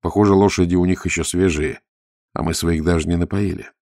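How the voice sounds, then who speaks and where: A man's voice: deep voice, steady tone, fairly quick, darkish tone, dry recording. A man doing a grim, sardonic older detective. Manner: terse, dry and sardonic. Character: grim, calm older male detective on the run.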